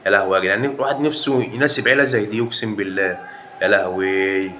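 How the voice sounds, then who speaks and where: Egyptian guy doing reaction commentary, talks super fast, jokey, keeps swearing oaths, faint hum behind. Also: fairly low pitch, steady tone. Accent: Egyptian Arabic. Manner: exclaiming, joking, swears oaths often. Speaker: reaction video host.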